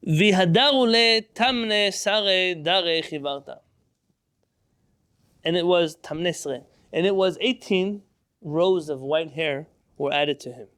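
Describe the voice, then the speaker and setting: A man leads a Talmud lesson with a somewhat raised pitch, working through each passage step by step. He often poses a question to the class and then answers it himself. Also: slow pace, fairly bright tone, smooth. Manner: explains step by step, asks and answers own questions. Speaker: Torah class teacher.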